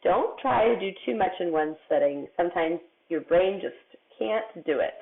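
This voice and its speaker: Kindergarten teacher lady, slow and patient, sounds words out, lively sing-song, phone-quality audio. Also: on the low side, creaky. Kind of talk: remote writing lesson for young children.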